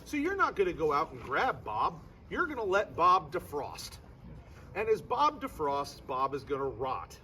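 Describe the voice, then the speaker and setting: A man's voice: a little high, huge pitch swings, a little slow, bright, forceful tone. A man working as a ghost tour guide, telling stories to a group outdoors with irreverent humour and theatrical emphasis. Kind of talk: animated storytelling to a tour group. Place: outdoors in a fort courtyard. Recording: distant mic, noisy outdoor ambience.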